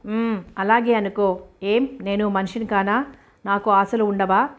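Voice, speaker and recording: Teasing young heroine, bossy at times, read by a woman; level, flat delivery. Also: mid-range voice, measured pace, lightly acted. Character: young woman, playful and teasing, quick to feign anger.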